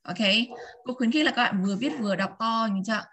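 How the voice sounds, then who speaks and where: A fairly high-voiced woman leads an online English class over a video call. She models each word slowly, says it twice, and keeps checking that her students are with her. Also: a bit bright, slight background noise. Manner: models words slowly and repeats them. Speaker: English teacher. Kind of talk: online class teaching vocabulary.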